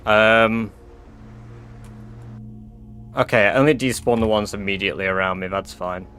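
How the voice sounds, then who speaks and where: A man's voice: fairly low pitch, level tone, moderate pace, bright, forceful tone, soft background music. A man livestreaming a game in casual, sweary chat, saying w for r. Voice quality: cannot pronounce R's, says w for r. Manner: informal, sweary.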